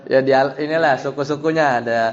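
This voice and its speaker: A man, an Islamic teacher, explaining Arabic grammar to a class, patiently checking that his students follow. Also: mid-range voice. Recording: dull lo-fi sound.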